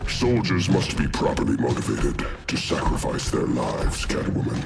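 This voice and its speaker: Grodd, very deep gravelly gorilla villain. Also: male voice, very animated, moderate pace, exaggerated voice. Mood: cold command. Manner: imperious, formal, condescending. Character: commanding, contemptuous super-intelligent gorilla villain. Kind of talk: video game cutscene acting. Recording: loud cinematic music behind the voice.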